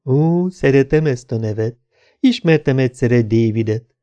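A man voicing an affected, flirtatious woman at a bar who talks in a slow drawl. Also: medium pitch, lively intonation, mellow, natural voice. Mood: flirty.

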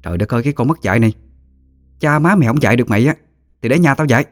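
A man's voice: medium pitch, expressive, racing, dry recording, studio quality, faint music behind, voice pushed up, natural voice. A man voicing a hot-tempered sister-in-law who shrieks and wails. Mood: furious. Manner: shrieking, wailing to the neighbours. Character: shrill hot-tempered older sister-in-law, loud and theatrical.

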